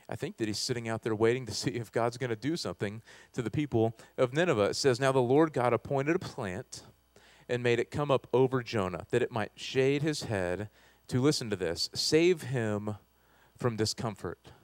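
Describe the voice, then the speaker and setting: A man's voice: moderate pace, no room sound. A man preaching a sermon as pastor, talking conversationally, often checking in with "right?" and swelling with passion at key moments. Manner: conversational, keeps asking "right?"; passionate, rises loud and high at times.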